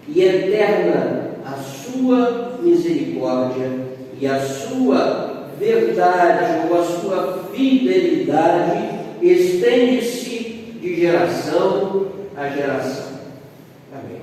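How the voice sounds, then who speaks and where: A man preaching a slow sermon in church, rising in pitch when reading scripture aloud. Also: dark tone, a little hiss or hum. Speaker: pastor. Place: church hall. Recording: roomy church hall, distant mic.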